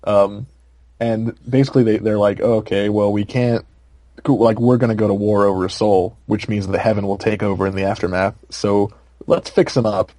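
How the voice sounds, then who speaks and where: Brief: young male podcast co-host, low mellow voice, loose rambling delivery full of "like" and "um". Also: steady tone, a little fast, no echo. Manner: rambling, filler-heavy, laughs often. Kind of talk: casual chat.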